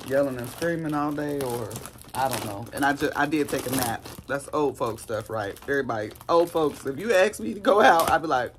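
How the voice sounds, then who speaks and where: A woman in her forties, hoarse and scratchy-voiced, rambling casually through a haul vlog. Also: extremely low pitch, brisk. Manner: chatty and rambling. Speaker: YouTuber.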